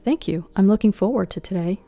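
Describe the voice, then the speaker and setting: Woman reading as a quiet polite young man. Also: medium pitch, a little fast, soft background music, close to an everyday voice. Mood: earnest.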